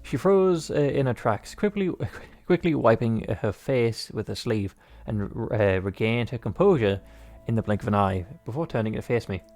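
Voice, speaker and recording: Over soft background music, a man with a mid-range, darkish voice reads a visual novel's narration aloud at a moderate pace. His intonation is lively and he rarely pauses, filling the gaps with rambling jokes and fillers.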